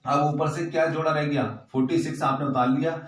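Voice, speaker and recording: A man's voice: fairly high pitch, steady tone, fairly quick, far from the mic. A man teaching a maths exam solution, going step by step and asking rhetorical questions as he works through each sum. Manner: patient, step-by-step explaining with repeated rhetorical questions. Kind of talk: exam-paper maths lesson. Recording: roomy echo, voice off-mic.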